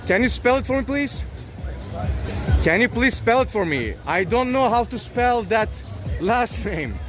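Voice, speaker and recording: Over music, a very high-pitched, animated male voice speaks a little slowly. English is his second language, and while filming police on an outdoor city street as a citizen auditor, he presses the same polite but insistent demands again and again in a confrontational exchange.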